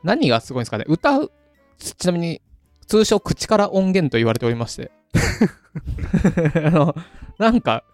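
A man co-hosting a casual podcast, chatting briskly, reading out facts and laughing easily. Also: on the high side, very animated, no room sound, soft background music. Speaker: podcast co-host.

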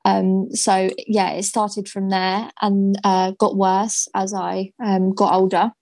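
Gravelly, flat-voiced young woman. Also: medium pitch, dry recording. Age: 20s. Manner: slow, hesitant, with many ums. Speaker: guest. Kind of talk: candid personal story in a podcast interview.

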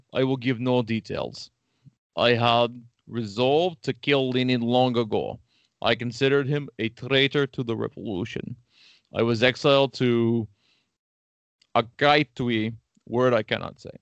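A man's voice: mid-range voice, no echo, dull audio, lightly acted. A man putting on a silly exaggerated foreign accent to voice a defiant female revolutionary prisoner reading her statement.

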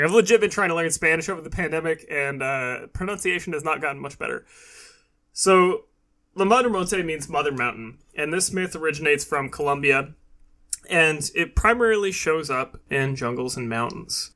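A man's voice: a little high, pushed and bright. A man hosts a podcast, talking casually and explaining things in a conversational way. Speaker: podcast host.

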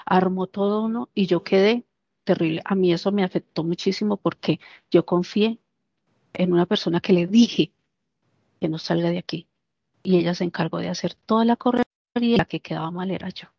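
A woman casually recounting a personal story, lively and animated, acting out the lines of the people in it. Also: lowish voice, fairly quick, creaky, husky, no room sound. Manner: animated, acts out quoted dialogue. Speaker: interviewee. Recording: dull, dry lo-fi recording.

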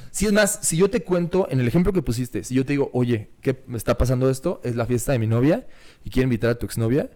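Slangy young Mexican man, mellow voice. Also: medium pitch, lively intonation, quick pace. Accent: Mexican Spanish. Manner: slangy, emphatic, peppers speech with swearing. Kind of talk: casual chat.

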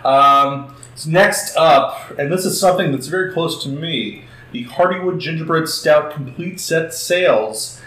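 A man's voice: a little high, a little slow, fairly bright tone. A man co-hosting a podcast in casual chat, hesitant and full of restarts and hedging. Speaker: podcast co-host. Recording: echoey room.

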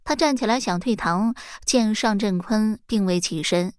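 A woman's voice: mid-range voice, moderate pace, no echo, studio quality. A woman narrating a folk tale, acting out the characters' lines with small shifts in her voice. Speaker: storyteller.

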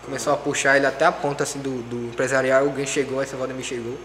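A young man telling a story in casual chat, animated and acting out quoted dialogue. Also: mid-range voice, racing. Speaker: podcast guest. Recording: echoey room with faint background noise.

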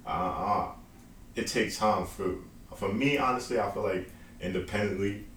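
An indie rapper from Long Island, New York, talks loosely about his music in a casual interview, rambling with plenty of slang, fillers, and "you feel me." His slightly low, somewhat bright voice moves at a normal pace and sounds roomy and echoey, with faint noise behind it.

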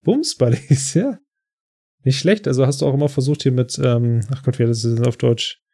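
A man's voice: medium pitch, moderate pace, mellow, slightly rough. A man co-hosting a podcast, casually retelling a TV episode in a loose, rambling way full of fillers. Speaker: podcast co-host recapping a TV episode. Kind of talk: casual chat.

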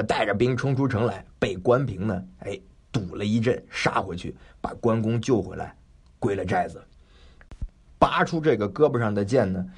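A man telling a traditional tale in an animated, conversational way with frequent fillers. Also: mid-range voice, breathy edge. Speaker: storyteller. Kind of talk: traditional oral storytelling.

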